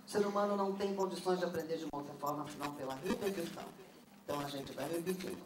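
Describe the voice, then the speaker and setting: A woman with a fairly low voice talks very fast as a teacher trainer leading a workshop, firing questions at the audience in a lively manner. The sound is roomy, recorded on a distant mic in a noisy room.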